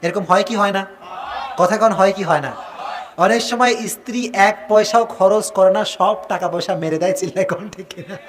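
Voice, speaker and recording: A man preaching a lively sermon, calling questions out to the audience for them to answer aloud and mixing English phrases into his talk. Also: high-pitched, normal speed, slight background noise. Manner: mixes English phrases into Bengali. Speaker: Islamic preacher.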